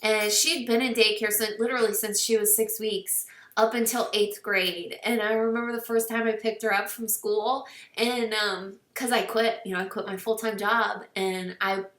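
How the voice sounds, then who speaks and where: A woman's voice: medium pitch, fairly even intonation, normal speed, fairly bright tone, distant mic. Earnest encouraging woman in an echoey room. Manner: earnest, encouraging, many fillers, gets teary. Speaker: fitness business team coach. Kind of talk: casual recruiting talk to camera.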